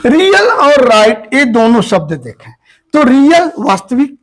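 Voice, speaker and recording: A male teacher going through a grammar lesson at a slow, unhurried pace. His pitch moves up and down a lot as he stresses words and repeats them aloud for his students to practice. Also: sing-song. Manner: explains step by step, addresses students as "beta".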